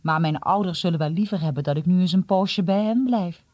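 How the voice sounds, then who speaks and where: A man's voice: sits high, brisk, darkish tone, no echo. Man doing Jom, an eager teenage boy. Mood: earnest. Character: cheerful proud teenage boy. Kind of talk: audiobook reading.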